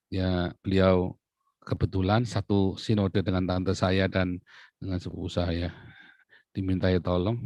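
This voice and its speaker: Man, middle-aged pastor, sermon, lower voice, dry close sound, playful storyteller. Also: dry recording. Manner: lively, joking storyteller who laughs often. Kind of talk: sermon with personal anecdotes.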